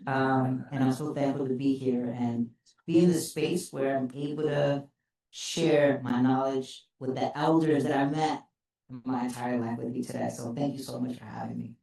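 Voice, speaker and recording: A man from El Salvador introducing himself as a panelist, earnest and deliberate. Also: mid-range voice, steady tone, creaky, warm tone. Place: conference hall. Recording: echoey conference hall.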